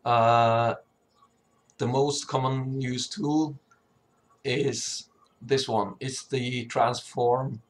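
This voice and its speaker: A man who sounds sick, with a cracking voice, giving an informal, hesitant software tutorial. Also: medium pitch, steady tone, very slow, long pauses. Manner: hesitant, often stumbling and throat-clearing. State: sick, sore voice. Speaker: tutorial presenter, level designer.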